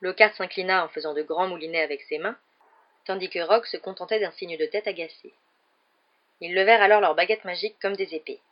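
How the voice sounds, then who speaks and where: A man narrating a novel as an audiobook reader in a steady, even storytelling manner. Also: sits high, a little fast. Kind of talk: read-aloud narration of a novel. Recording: dull lo-fi recording.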